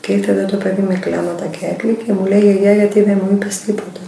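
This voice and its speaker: A woman's voice: medium pitch, steady tone, creaky, warm tone, roomy sound, a little hiss or hum. An older woman, a grandmother, giving an emotional documentary testimony full of quoted back-and-forth. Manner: retells events with many quoted exchanges. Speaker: interviewee, grandmother.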